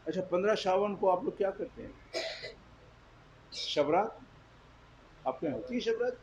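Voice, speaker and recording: A man with a high voice preaches a sermon. He is emphatic and often turns to the listeners with questions. Faint background noise sits under his voice. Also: darkish tone, poor audio. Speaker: Islamic preacher. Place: Jeddah.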